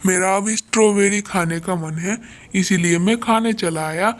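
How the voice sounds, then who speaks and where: A woman's voice: medium pitch, normal speed, close to an everyday voice. A woman voicing a rude, greedy male crow in a cartoon story, talking back with insolence. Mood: insolent. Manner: insolent, then pleading loudly when beaten. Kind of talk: cartoon voice acting.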